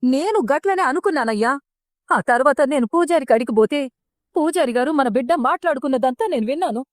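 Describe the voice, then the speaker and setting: A woman's voice: high-pitched, expressive, fairly quick, no echo, clean studio sound. A woman voicing a worried village mother with a Telangana accent, pleading and urgent in a serial recap. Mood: earnest. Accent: Telangana Telugu.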